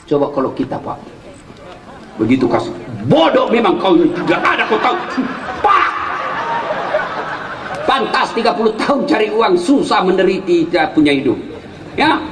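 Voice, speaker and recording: A man preaching a humorous sermon to a congregation, telling stories and shouting his punchlines. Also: high voice. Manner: joking storyteller who shouts punchlines at the congregation. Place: large hall with an audience. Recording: echoey hall, distant mic, faint crowd.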